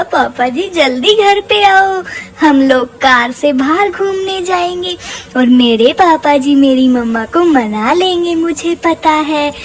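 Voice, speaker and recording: Mom voicing a cheeky baby boy for a vlog: very high, slow, cutesy baby talk. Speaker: parent vlogger voicing her baby.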